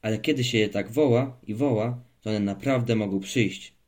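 A man voicing a playful, teasing father who spins a mysterious tale in a hushed voice. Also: on the low side, normal speed, lightly acted. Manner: mock-mysterious, half whispering when telling tales.

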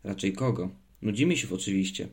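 A man voicing a playful, teasing father who spins a mysterious tale in a hushed voice. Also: on the low side, brisk, natural voice. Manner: mock-mysterious, half whispering when telling tales.

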